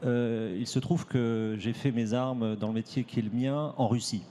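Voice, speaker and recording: Male panel historian, mellow tone, steady and dry, faint noise behind. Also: medium pitch, moderate pace. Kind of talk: panel discussion.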